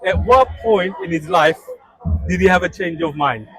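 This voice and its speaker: A man with a notably high voice argues animatedly in a heated debate, leaning on repeated "listen" and "right?". Faint music plays under the talk. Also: normal speed, slightly rough.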